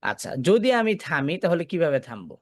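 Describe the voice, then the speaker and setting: A man's voice: on the high side, very animated, brisk, dry recording. A man teaching a Quran recitation class, asking his students questions, answering them himself and repeating key points. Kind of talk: classroom lesson.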